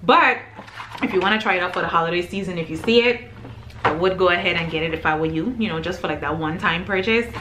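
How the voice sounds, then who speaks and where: Woman, lowish voice, casual food-review chat, tasting between words, faint background hiss. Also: fast talker. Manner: chatty, tasting and describing food between bites. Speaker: vlogger reviewing groceries.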